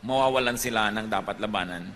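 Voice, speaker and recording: A man's voice: on the low side, quick pace, a bit bright, in a large hall. A Filipino man preaching a sermon, moving between Tagalog and English and building to emphatic peaks.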